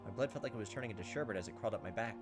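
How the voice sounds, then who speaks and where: Racing along in a lowish voice, a man voices a visual novel for a let's play, acting out lines and telling the story with expressive flair. Game music fills the background.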